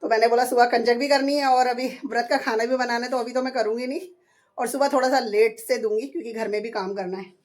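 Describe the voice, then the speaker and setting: A hoarse woman in her thirties chatting through a home vlog, describing her chores step by step. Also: fairly high pitch, steady tone, fast talker. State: hoarse, voice going. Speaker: vlogger. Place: at home, indoors.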